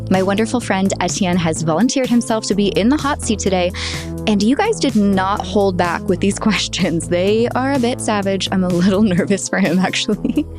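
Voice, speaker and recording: A woman's voice: mid-range voice, normal speed, music in the background. A woman hosting a casual chat podcast in Paris, bubbly and laughing often. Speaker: podcast host.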